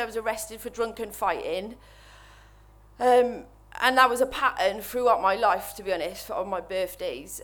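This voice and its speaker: A woman in her thirties with a Welsh accent, nervously telling her recovery story to an audience at a microphone, halting and full of restarts. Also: mid-range voice, a bit bright. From Wales. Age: 30s. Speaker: speaker sharing recovery story. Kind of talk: personal testimony to an audience. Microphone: microphone while standing before an audience.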